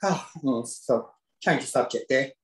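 A man with a medium-pitched, expressive voice and a measured pace runs a casual live cooking demo in his home kitchen, camp and chatty with cheeky asides. He's filmed on a self-set camera, and the kitchen's echo sounds roomy.

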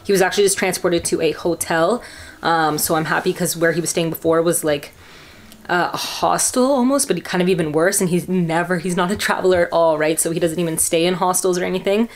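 A woman's voice: lowish voice, brisk. A young woman from Canada chatting casually in a home vlog as a fitness coach, rambling with lots of fillers. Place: at home indoors.

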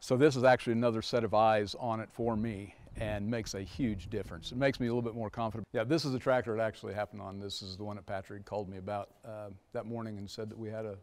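A man's voice: lowish voice, steady tone. A man in his fifties, a farmer from Kansas, telling a story in a casual interview with lots of fillers and restarts, in a machine shed. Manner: halting, storytelling with many fillers. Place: open machine shed by a tractor.

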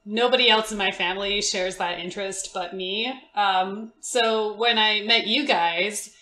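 A young woman from Indonesia, a podcast guest chatting casually in an animated, theatrical way and laughing often. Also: mid-range voice, measured pace, roomy sound. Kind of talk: casual chat.

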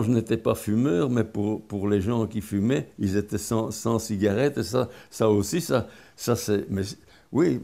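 Gravelly older man, halting speech. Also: lowish voice, mellow. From Belgium. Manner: halting, with frequent restarts and repeated words. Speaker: interviewee, former wartime pilot. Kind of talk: recounting memories in an interview.

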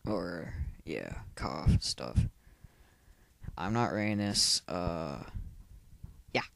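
Rambling gravelly-voiced young teen gamer. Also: male voice, deep voice, expressive, extremely slow, a bit bright, no echo. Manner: rambling, mumbled asides, frequent ums. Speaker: let's player. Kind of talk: casual live game commentary. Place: home. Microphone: computer mic, clipping when loud.

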